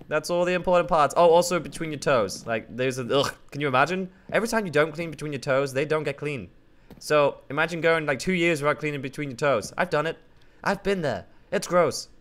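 Bright, excitable man gaming. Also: fairly high pitch. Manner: excitable and jokey, bursts into panicked yelps. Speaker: gaming channel host. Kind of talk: let's play commentary.

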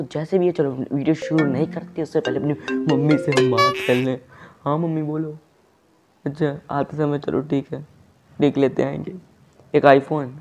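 A young man performing a comic sketch of one-sided phone calls, exasperated and repeatedly restarting his greeting. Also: medium pitch. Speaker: comedy sketch creator. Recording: loud background music.

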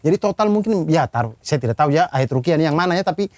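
A man's voice: fairly high pitch, lively intonation, rapid-fire, a little mellow, no echo, studio quality. An Indonesian man in casual podcast chat, telling a firsthand story earnestly and acting out a scream he heard.

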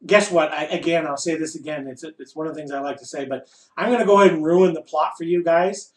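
High-pitched man giving an echoey spiritual talk. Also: quick pace. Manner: wry and playful, asks and answers rhetorical questions. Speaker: spiritual teacher leading a group satsang. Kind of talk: informal spiritual discourse to a group. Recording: echoey room, voice distant from mic.

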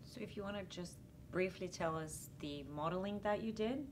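Middle-aged woman interviewer, lowish voice, halting, room ambience behind. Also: noisy background. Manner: halting, hesitant phrasing with um fillers. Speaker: interviewer, assistant professor. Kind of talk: scientific interview. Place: conference interview booth, indoors.

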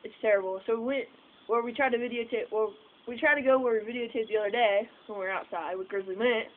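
At night outdoors by a house porch, a young woman vlogs in a fast, fairly high voice, rambling with many fillers and the occasional swear. Her phone camera sits far away, giving tinny audio with noise.

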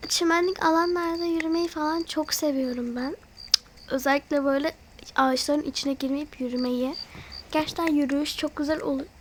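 A woman's voice: high voice, steady tone, fairly quick, a little hiss or hum. A woman hosting her channel, chatty and easily frightened, talking straight to her viewers while she voices a role-play over a mobile game. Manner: easily frightened, gasping and fretting. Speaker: channel host.

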